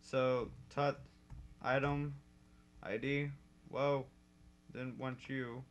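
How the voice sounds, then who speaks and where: A man's voice: mid-range voice, flat delivery, drawn-out words, lo-fi sound, faint music behind. Young man, casual coding tutorial, chatty, self-correcting, desk mic, keyboard typing behind. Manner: chatty and self-correcting, laughs at own slips. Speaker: modding tutorial host.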